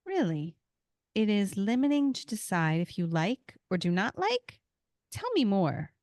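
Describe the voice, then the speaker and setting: A woman's voice: mid-range voice, very animated, a little slow, a little mellow, dry recording, studio quality. Woman playing a curious boutique owner. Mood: probing. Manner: inquisitive, lightly teasing. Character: forty-something female boutique owner, curious, probing. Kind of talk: improvised role-play reading.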